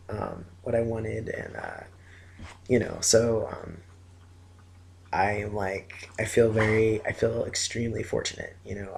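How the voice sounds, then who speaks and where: A young man with a fairly low, gravelly voice vlogs casually to camera from his bed at home. His voice is scratchy after surgery, and he sounds groggy, rambling along with lots of fillers.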